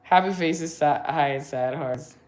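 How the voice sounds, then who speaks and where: A woman's voice: low voice, measured pace, darkish tone. A woman in her twenties chatting candidly on a livestream, answering viewer questions in a slangy, talkative way. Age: 20s. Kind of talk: casual livestream Q&A.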